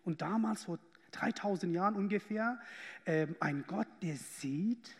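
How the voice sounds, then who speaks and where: A man's voice: sits high, unhurried, big-room sound. A man from Iran preaching a sermon as pastor, earnest and conversational with small hesitations.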